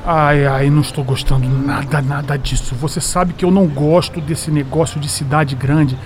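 A man's voice: fairly high pitch, steady tone, normal speed, background noise, lightly acted. An actor playing an ailing, stubborn, grumbling old father in a radio drama. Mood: weary, grumbling. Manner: grumbling, coughing.

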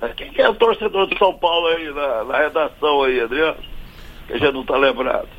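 A man with a Brazilian Portuguese accent commenting on football for a radio sports show, halting and restarting often. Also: a little high, phone-quality sound.

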